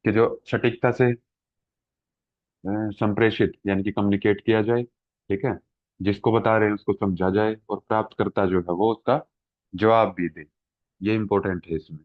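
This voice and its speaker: A man's voice: lowish voice, fairly even intonation, normal speed, long pauses, no room sound. A middle-aged man teaching an exam-prep lecture, explaining step by step and often checking in with his students. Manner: explanatory, mixes English terms, frequent "ठीक है" check-ins. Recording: tinny phone-like dry sound.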